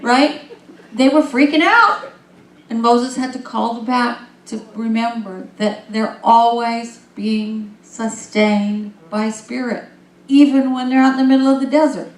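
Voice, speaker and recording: A woman minister giving a sermon, calm and gently guiding, warming into lively storytelling. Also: fairly high pitch, measured pace, recorded from a distance. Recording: echoey room.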